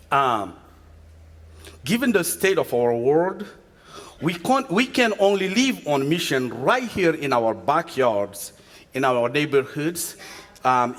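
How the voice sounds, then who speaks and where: A man from Chad giving a guest sermon, speaking earnestly and measured, often restarting his words. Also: on the high side. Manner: earnest, measured delivery with frequent restarts and fillers. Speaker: guest preacher from a refugee agency. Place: church sanctuary. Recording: long reverb from a church sanctuary.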